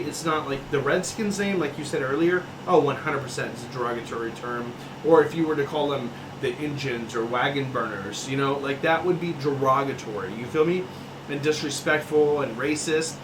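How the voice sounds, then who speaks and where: A man with a medium-pitched voice co-hosts a casual sports podcast, speaking at a moderate pace over background noise. He goes on heated, emphatic rants and swears often.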